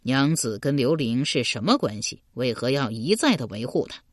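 A woman's voice: rumbling low, moderate pace, dry recording, studio quality, pitched below the performer's own voice, full character voice. Woman voicing a cool, teasing male assassin. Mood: calm. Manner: calm, teasing.

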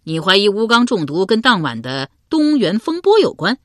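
A woman reading the part of a carefree male scholar and drinker, speaking loudly with a teasing, mocking edge. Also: mid-range voice, big pitch swings, normal speed, dry recording, clean studio sound, pitched above the performer's own voice. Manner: teasing, loud and laughing.

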